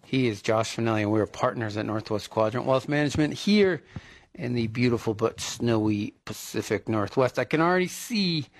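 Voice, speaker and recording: A man's voice: mid-range voice, expressive, moderate pace, a little hiss or hum. A man hosting a radio show, talking casually.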